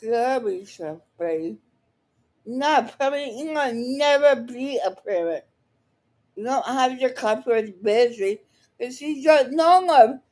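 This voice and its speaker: Reacting to another speaker in unscripted online commentary, a woman with a high, expressive, slightly mellow voice talks slowly. She's blunt and combative, swears freely, and keeps cutting off her sentences to start over.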